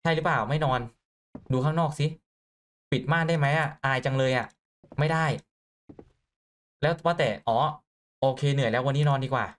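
A young man giving excitable let's play commentary on a horror game. He gets jumpy and stammers, repeating words when startled. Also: medium pitch, normal speed, pauses often. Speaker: gaming YouTuber.

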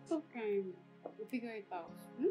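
A woman's voice: medium pitch, lively intonation, normal speed, warm tone, soft background music, close to an everyday voice. A woman playing a scolding, comforting friend. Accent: Nigerian. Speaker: friend in a drama.

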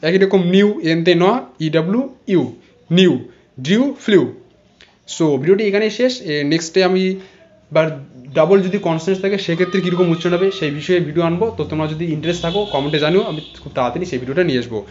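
A man's voice: high voice, quick pace, darkish tone, lo-fi sound. A man teaching English spelling and pronunciation, spelling words out letter by letter and repeating each sound. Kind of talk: explanatory lesson.

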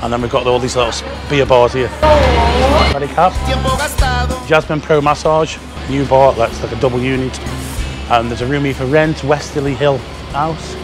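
A man in his fifties speaks at a normal speed in a mid-range voice with fairly even intonation, leaving long pauses. He's a vlogger on a walking tour, casually pointing out shops and bars on a busy city street while filming on a worn or handheld action camera. Background music runs under the street noise.

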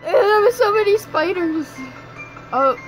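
A woman's voice: extremely high pitch, animated, slow pace, soft background music, poor audio. A young woman chatting casually in a reaction video, playful and blunt. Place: small dim bedroom.

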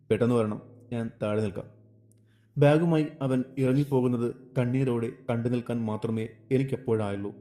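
Man with a dark, mellow storytelling voice. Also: medium pitch. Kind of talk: storybook narration.

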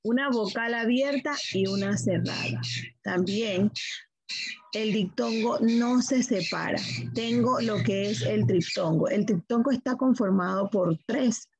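High-voiced woman teaching a class. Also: unhurried, crowd noise, low-quality recording. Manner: didactic, asks questions then answers them herself. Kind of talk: classroom grammar lesson.

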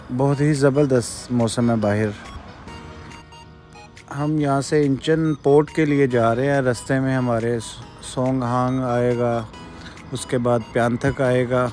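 A man from Pakistan, casually narrating a road trip from inside a car in a relaxed, polite way. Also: medium pitch, unhurried, faint music behind. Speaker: travel vlogger. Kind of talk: casual travel vlog narration. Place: in a car on a highway.

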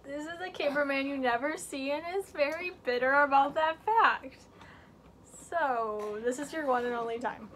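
A high-voiced teen girl hosts a chatty vlog from an indoor home room with shelves, talking at normal speed over slight hiss or hum. She jokes and makes self-mocking asides, dropping to hushed whispers when showing things up close.

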